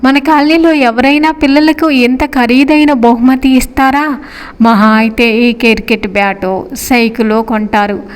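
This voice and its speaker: Lady narrator doing a strict shouty mom, highish voice. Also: steady tone, unhurried, natural voice. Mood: proud, lecturing. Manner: harsh, shouting. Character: stern scolding mother.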